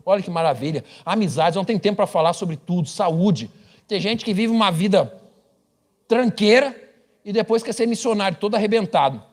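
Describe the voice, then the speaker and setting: A man, preaching a sermon as pastor with humorous, animated storytelling. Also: sits high, brisk.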